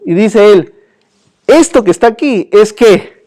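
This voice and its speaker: A man teaching a church Bible class in a lively, joking way, often asking his listeners questions and calling them brother. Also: high-pitched, measured pace.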